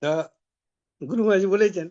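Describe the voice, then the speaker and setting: High-voiced man preaching through a story. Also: a little fast, a little mellow. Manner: conversational storytelling. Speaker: devotee preacher. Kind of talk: devotional talk with a personal story. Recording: dull lo-fi recording.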